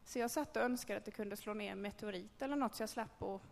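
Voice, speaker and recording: A woman's voice: medium pitch, vocal fry, in a large hall. A woman giving a candid, conversational personal testimony to a group, with frequent hesitations. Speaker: speaker telling a personal faith story.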